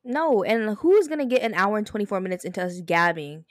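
Lively young woman with wry banter. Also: medium pitch, fairly quick, dry recording, studio quality. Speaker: podcast co-host. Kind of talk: casual chat.

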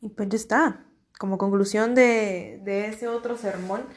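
A woman's voice: medium pitch, steady tone, a little slow, echoey room, background noise. A young woman with a Mexican accent hosting a podcast, talking casually in a slangy, reassuring, repetitive way. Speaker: podcast host. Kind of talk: casual motivational monologue.

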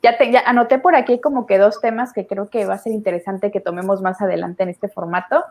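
A woman with a Mexican accent hosts a live online talk show. Her voice sits at a middle pitch, and she talks in a chatty, expressive way while greeting viewers and reading their comments. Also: fast. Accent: Mexican Spanish.

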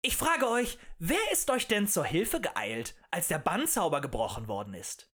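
A man voicing a fiery male demagogue who rants and shouts at a tavern crowd in an audiobook. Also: a little high, big pitch swings, unhurried, pitched above the performer's own voice. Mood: ranting. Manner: ranting, shouting, rhetorical and accusing.

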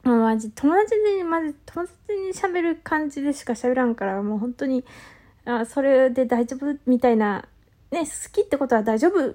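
A young woman with a high voice hosts a casual solo audio talk. She is excitable and flustered, keeps apologizing, and laughs at herself. Her speech is blunt and boyish. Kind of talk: casual solo chat, reading a listener letter.

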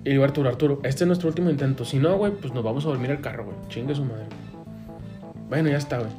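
Young northern Mexican podcast host, quick and crude storyteller, with light guitar music behind. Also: male voice, mid-range voice. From Monterrey, Mexico. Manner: slangy, profane, quick anecdote teller. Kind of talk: casual storytelling chat.

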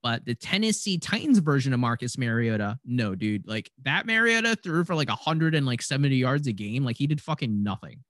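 A young man in casual sports chat, animated and ranty, swearing freely as he gets fired up. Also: medium pitch, a little fast, few pauses, no room sound, studio quality. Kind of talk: casual fantasy football chat.

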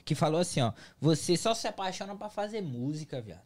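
Male co-host, young, Brazilian accent. Voice a touch high, casual chat full of slang, swearing and interjections. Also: animated, quick pace, a little mellow. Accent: Brazilian Portuguese.

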